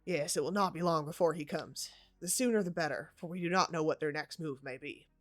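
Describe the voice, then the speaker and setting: A woman's voice: deep voice, brisk, no echo, soft background music, lightly acted. A woman voicing a curt, angry old farmer defending his daughter. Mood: weary. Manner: curt and sardonic.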